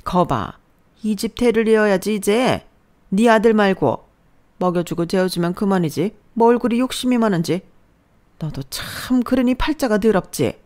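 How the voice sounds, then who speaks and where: A scolding older mother-in-law, voiced by a woman, sneering and belittling, her voice pushed up and loud. She nags relentlessly in this storybook dialogue. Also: lowish voice, expressive, moderate pace, lightly acted. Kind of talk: storybook narration with acted dialogue.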